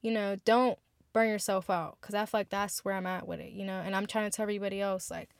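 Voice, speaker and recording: A woman's voice: mid-range voice, level tone, fast talker, vocal fry, clear, resonant tone, no room sound. A twenty-one-year-old woman hosting a podcast, speaking candidly and heartfelt straight to her listeners in a casual monologue. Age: 20s. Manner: candid, heartfelt, chatty, addresses listeners directly. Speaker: podcast host.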